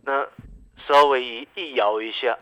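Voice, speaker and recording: A man with a Taiwanese Mandarin accent giving radio stock market commentary, animated and full of rhetorical questions to the listener. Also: medium pitch, unhurried, smooth, poor audio.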